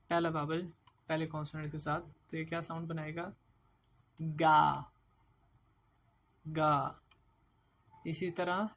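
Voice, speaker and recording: A man teaching a beginner language lesson. He is patient, checks in with the listener often and sounds out each syllable loudly and clearly. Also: sits high.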